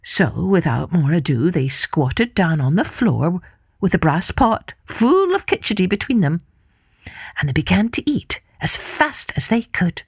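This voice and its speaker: A woman narrating a folktale for children in an expressive, measured way. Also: fairly low pitch, husky, no echo. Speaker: storyteller.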